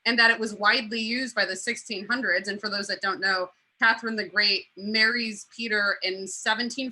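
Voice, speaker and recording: Female host, very bright tone, chatty panel talk with fillers. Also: mid-range voice, low-quality recording. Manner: chatty, quick, with frequent fillers. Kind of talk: casual panel discussion.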